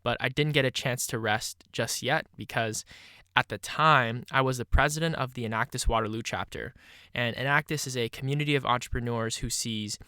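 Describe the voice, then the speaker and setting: Young man with a stuffy nose, bright and crisp. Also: mid-range voice, brisk, no room sound, clean studio sound. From Canada. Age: 20s. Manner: casual, reflective, many "you know" fillers. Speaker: podcast host. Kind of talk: solo podcast monologue.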